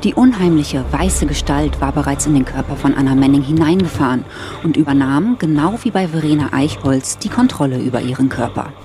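A woman narrating a radio play in an even, measured storytelling manner. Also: low-pitched.

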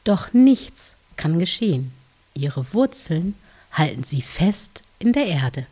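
Soft, breathy woman, very slow dream-journey narration. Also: fairly low pitch, big pitch swings. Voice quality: soft, breathy, hushed, at times near whisper. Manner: gentle, soothing, unhurried with long pauses. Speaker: narrator of guided relaxation for children.

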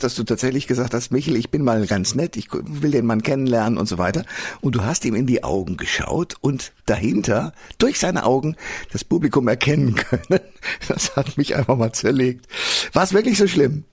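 Husky older male interviewer. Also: mid-range voice. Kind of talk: interview questions.

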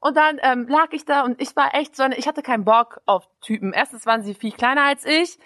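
A woman's voice: sits high, a little fast, a bit bright, dry recording. A young woman casually telling a funny story in a podcast chat, acting out the lines of the people in it.

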